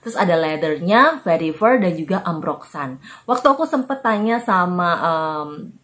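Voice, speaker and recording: A woman's voice: fairly low pitch, expressive, normal speed, fairly bright tone. A young woman hosting a casual perfume review vlog, talking in a chatty, informal way with many fillers. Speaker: perfume reviewer, channel host.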